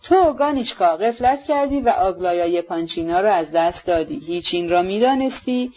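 A woman's voice: on the low side, lively intonation, darkish tone, lo-fi sound. A woman voicing a proud, bitter and reckless young woman with a scornful, mocking manner, in an audiobook. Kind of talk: audiobook character reading.

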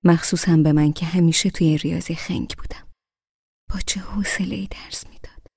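Brief: a woman reading a novel, soft and wistful, low and husky. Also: steady tone, no room sound, studio quality. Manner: soft, half-whispered and wistful. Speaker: audiobook narrator. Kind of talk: audiobook narration of a novel.

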